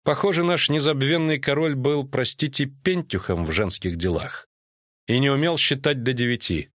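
A man reading an audiobook voices a proud, commanding queen with a measured, imperious delivery. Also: medium pitch, a bit bright, dry recording, clean studio sound, voice pushed up, lightly acted. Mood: stern, imperious. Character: proud stern queen, middle-aged woman, commanding.

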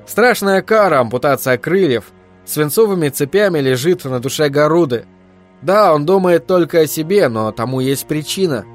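A man reading a novel aloud in steady, even scripted narration. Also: fairly high pitch, moderate pace, faint music behind. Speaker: audiobook narrator.

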